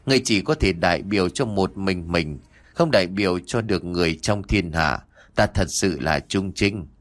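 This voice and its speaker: A man voicing a cheeky, brash young swordsman who talks roughly and defiantly in a storybook reading. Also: sits low, close to an everyday voice. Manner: brash, rough-talking, quick and flustered. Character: cheeky brash young male martial hero.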